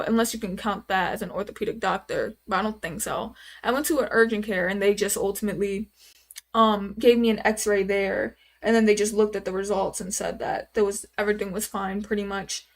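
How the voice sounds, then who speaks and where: A woman in her twenties chatting casually on a live stream, rambling and answering viewers' questions with lots of fillers. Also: medium pitch. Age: 20s. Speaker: livestreamer.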